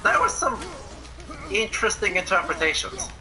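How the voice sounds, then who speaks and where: A young man chatting casually over a tinny phone line, relaxed and hesitant with frequent fillers. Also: high voice, moderate pace. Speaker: guest mythology expert. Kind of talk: casual chat on a live game stream. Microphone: phone call.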